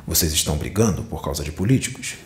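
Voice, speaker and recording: In an echoey room, a spiritual medium with a rumbling low voice talks fast through a channeled sermon. He admonishes his listeners with a string of rhetorical questions.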